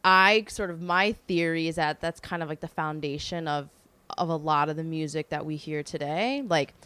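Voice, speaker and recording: A woman's voice: low voice, fairly even intonation, normal speed, sharp tone, clear, resonant tone. A young woman co-hosting a casual chat, informal and thinking aloud as she goes. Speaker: podcast co-host.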